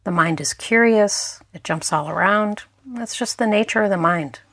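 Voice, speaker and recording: This is a woman mindfulness instructor narrating a meditation, calm and slow, with pauses separating each phrase. Medium pitch, dry sound.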